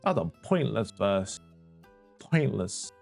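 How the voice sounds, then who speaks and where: Man, music reaction host, blunt, profane, slow-paced, faint music in background. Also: fairly low pitch, sing-song, gravelly, darkish tone. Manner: blunt, heavy swearing, exasperated outbursts. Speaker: music reviewer. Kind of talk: reaction and review. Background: faint music playing.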